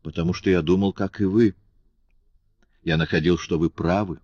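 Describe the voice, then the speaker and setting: A man reading an audiobook, voicing a weary, self-effacing old man in a subdued, quiet way. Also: deep voice, fairly even intonation, moderate pace, breathy edge, no room sound. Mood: resigned. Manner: subdued, hushed. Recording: dull lo-fi audiobook recording.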